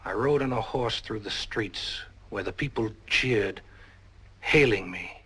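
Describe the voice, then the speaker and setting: A man's voice: on the low side, unhurried, a bit bright, full character voice. A man playing a brooding villain who dreams of power, grandiose in 1940s film acting. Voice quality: husky, grandiose.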